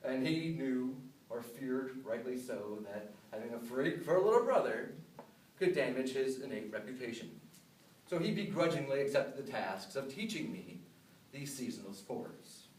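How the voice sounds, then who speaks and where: An American man delivering a memorized humorous speech to an audience, with deliberate pauses and self-deprecating punchlines. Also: mid-range voice, big pitch swings, a little mellow. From upstate New York, USA. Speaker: contestant giving a humorous club speech. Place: live speech in a room. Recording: roomy, distant mic, some noise.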